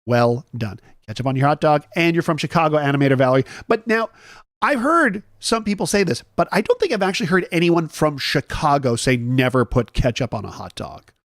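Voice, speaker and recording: A man's voice: a little high, sing-song, a little fast, no echo, clean studio sound. A man hosting a casual morning chat stream, rambling through stories and joking with viewers as he reads their comments. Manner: rambling, chatty, jokey asides to viewers. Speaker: host.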